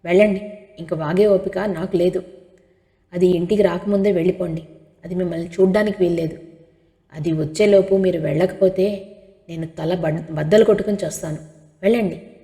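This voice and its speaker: A woman's voice: lowish voice, moderate pace, warm tone, close to an everyday voice. A woman reading the part of a distraught middle-aged mother who sobs and pleads, with a long hall reverb. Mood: anguished. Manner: wailing, pleading, self-reproaching.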